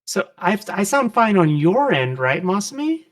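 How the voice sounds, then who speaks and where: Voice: mid-range voice, sing-song, a little slow. Robotic metallic voice over a glitchy call. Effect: robotic, metallic-sounding voice from a glitchy call audio doubling. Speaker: streamer's collab guest. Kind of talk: casual chat. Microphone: voice call into a stream.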